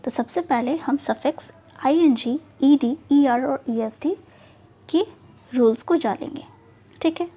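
A woman's voice: high-pitched, warm tone. A woman teaching spelling rules step by step, checking in often with "okay". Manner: explains slowly with repeated "okay" and "theek hai" checks. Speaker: English teacher. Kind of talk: spoken lesson mixing Hindi and English.

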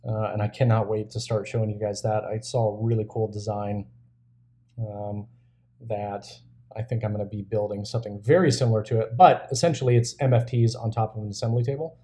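A man's voice: fairly low pitch, little pitch movement, a little fast, mellow. A young man hosting a woodworking channel, casually talking through a design on screen and thinking aloud with fillers. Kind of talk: casual screen-share walkthrough.

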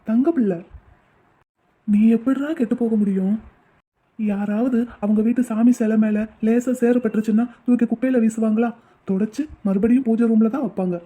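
A woman voicing a gentle, devoted young man who coaxes and comforts his wife in an amateur audio drama. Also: fairly high pitch, breathy edge. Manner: soothing, coaxing.

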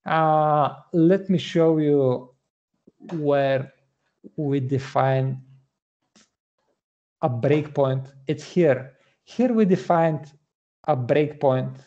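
Slow, gravelly man demoing code. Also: a little high, a little mellow, muffled recording. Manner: methodical, explanatory, many "uh" pauses. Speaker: front-end developer presenting. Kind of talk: screen-share coding walkthrough.

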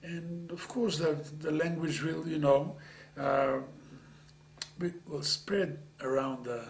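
An older man from Macedonia, a native Macedonian speaker, speaks English with a Macedonian accent in a reflective oral history interview, halting and earnest as he searches for words. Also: on the high side, fairly even intonation, vocal fry. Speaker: interviewee, author of dictionaries. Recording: faint hum and background noise.

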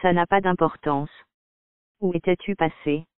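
A man's voice: high-pitched, fairly even intonation, a little slow, smooth, no room sound. A man reading the lines of a firm, commanding older widow in an audiobook, on dry, tinny phone-like audio. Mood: weary.

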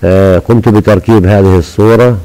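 A man explaining English words in a recorded lesson, patiently repeating and spelling them out slowly. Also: lowish voice, steady tone, mellow, low-quality recording. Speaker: English teacher.

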